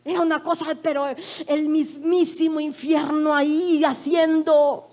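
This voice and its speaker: Mujer colombiana predicando con voz aguda. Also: female voice, high-pitched, level tone, unhurried. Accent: Colombian Spanish. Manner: emotional, dramatic storytelling with swings from hushed to loud. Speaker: preacher giving testimony. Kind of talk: sermon testimony. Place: church.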